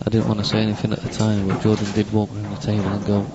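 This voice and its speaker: Male pool commentator, low and flat, wry asides; dull lo-fi stream audio with noise. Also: racing, crowd noise. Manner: chatty, wry asides to viewers. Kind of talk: live sports commentary.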